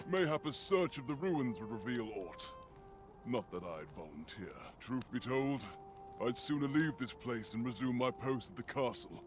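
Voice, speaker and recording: An actor playing a reluctant, uneasy castle guard in a fantasy video game, musing ominously in archaic phrasing. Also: male voice, medium pitch, close to an everyday voice. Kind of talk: video game character dialogue. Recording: game voice under clear music.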